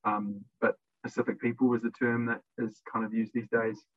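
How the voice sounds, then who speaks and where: A man's voice: medium pitch, flat delivery, normal speed. A young man from New Zealand with a New Zealand accent, a podcast guest talking thoughtfully and carefully in a casual interview. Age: young adult. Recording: dry, tinny phone-like line.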